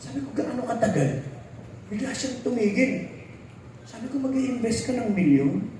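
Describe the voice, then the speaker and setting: A man's voice: extremely high pitch, animated, moderate pace, warm tone, slight background noise. A Filipino man preaching a sermon as pastor, switching between Tagalog and English and acting out the people in his stories. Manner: mixes English into Tagalog, acts out quoted voices. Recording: very echoey hall, mic far off.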